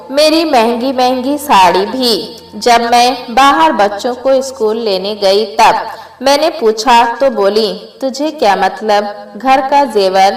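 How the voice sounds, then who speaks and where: A woman's voice: a little high, echoey room, poor audio. A woman reading as a hurt, defiant married daughter.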